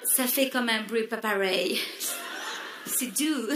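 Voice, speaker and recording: A woman's voice: on the high side, takes it slowly, reverberant, noisy background. A woman voicing a pretentious middle-aged Creole mother from Réunion who gushes and drops English words into her French, with a Réunion Creole accent. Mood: gushing. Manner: affected, gushing, sprinkles English words. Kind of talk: stand-up character sketch.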